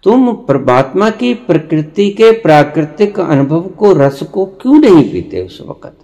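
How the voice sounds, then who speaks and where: धीमे, ठहर-ठहर कर बोलते आध्यात्मिक गुरु. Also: male voice, on the high side, very animated, mellow. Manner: slow, deliberate, with long pauses and sudden emphatic rises; rebuking, lecturing the listeners directly. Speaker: spiritual teacher. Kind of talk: spiritual discourse.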